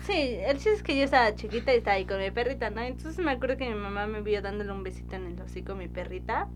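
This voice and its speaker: A young woman with a Mexican accent telling stories in a casual podcast chat, slangy and quick to laugh and tease. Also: mid-range voice, lively intonation, a little hiss or hum. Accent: Mexican Spanish. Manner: slangy, laughs often, quick teasing interjections. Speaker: podcast co-host.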